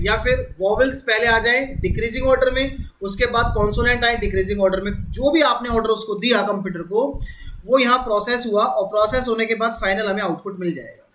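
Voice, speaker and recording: A man's voice: sits high, a bit bright, a little hiss or hum, rough recording. A man teaching an exam-prep lesson, explaining step by step and repeating key words. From India. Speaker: reasoning teacher. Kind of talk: exam-prep classroom lecture.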